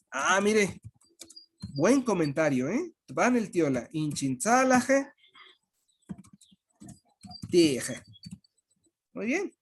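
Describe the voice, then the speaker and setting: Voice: mid-range voice, husky. A language teacher giving an online lesson, patiently repeating and spelling out sounds.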